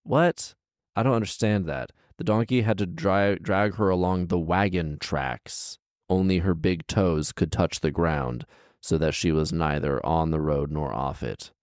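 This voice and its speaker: A deep-voiced man, a little slow and a little mellow, reads a fairy tale on his story podcast and riffs on it. His humor is casual, wry and incredulous, slangy and packed with emphatic repetition, all captured as dry, clean studio sound.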